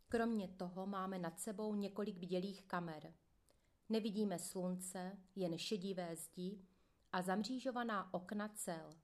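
A woman narrating a first-person prison memoir in a calm, measured audiobook reading. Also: mid-range voice.

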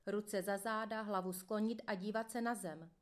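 A woman's voice: mid-range voice, steady tone, close to an everyday voice. A woman voicing a harsh male prison guard who barks orders, in a read-aloud story. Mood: stern. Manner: barked commands.

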